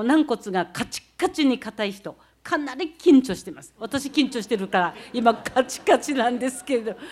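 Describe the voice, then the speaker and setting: Woman from Tohoku giving a practical talk. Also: sits high. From Tohoku, Japan. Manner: explanatory, walks through techniques step by step. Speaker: speaker recounting leading a student climb. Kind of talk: talk with demonstrations.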